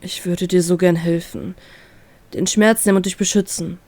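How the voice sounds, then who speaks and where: A woman reading aloud and voicing a protective young male pirate who speaks seriously and quietly, like an older brother. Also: medium pitch, moderate pace, close to an everyday voice. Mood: earnest, caring.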